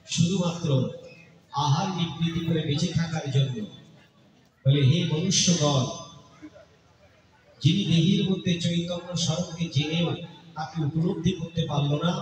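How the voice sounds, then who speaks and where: Man, devotional preacher, rhythmic repeated phrases, fairly high voice, strong echo from a distance. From Bangladesh. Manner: rhythmic, repeating lists of phrases, sometimes breaking into song. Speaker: Bhagavata preacher. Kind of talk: devotional sermon. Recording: echoey hall, voice from a distance.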